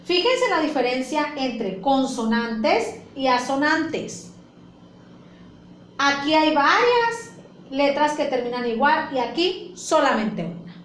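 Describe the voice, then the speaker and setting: A woman teacher talks through a lesson at an unhurried pace, her high voice rising and falling a lot. She repeats herself and checks in with questions. The recording is echoey with faint ambience behind her. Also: lively intonation, a bit bright, slight background noise. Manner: patient, repeats points and asks the class questions. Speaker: primary school teacher. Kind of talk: classroom lesson explanation.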